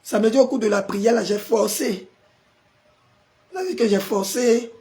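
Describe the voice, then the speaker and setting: A pastor hosting a live stream, hoarse from a sore throat and forcing his voice out as he chats with viewers and answers their comments. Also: high voice, normal speed, mellow. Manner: chatty, greets viewers by name and answers comments.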